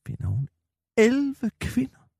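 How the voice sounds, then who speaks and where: A husky, gossip-hungry middle-aged woman, as a man puts her on for a radio comedy sketch. Her voice swoops from hushed secrets to eager peaks, and it sounds close and dry with no room around it. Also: very high voice, huge pitch swings, no room sound, heavily acted. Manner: breathless gossiping, dropping to a hush.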